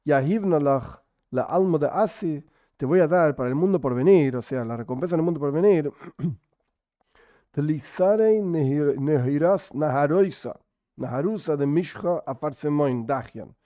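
A man teaching a Talmud study class. He reads the Aramaic slowly and then explains it casually. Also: fairly high pitch, lively intonation, mellow, no room sound, clean studio sound.

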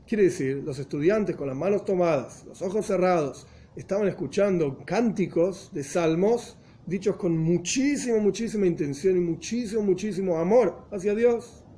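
Male teacher, storytelling lesson, high-ish mellow voice, glosses Hebrew and Yiddish terms in Spanish. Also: moderate pace, few pauses, slight background noise. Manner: chants quoted prayers with rising pleading intensity. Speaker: religious teacher.

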